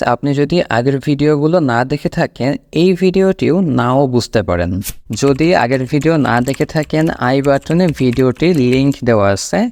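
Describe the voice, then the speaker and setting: A man teaching an online English lesson, explaining patiently and repeating words slowly for learners. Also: mid-range voice, a little mellow, a little hiss or hum.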